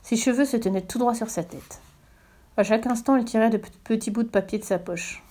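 Woman reading a storybook aloud, mellow and warm, steady. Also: fairly high pitch, brisk. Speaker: narrator.

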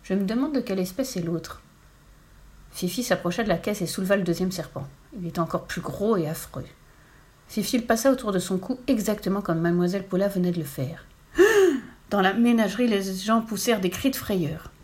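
A woman reads a children's story aloud at a medium pitch, keeping her narration steady and clear. She moves the tale along at an even pace. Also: quick pace. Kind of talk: storybook reading.

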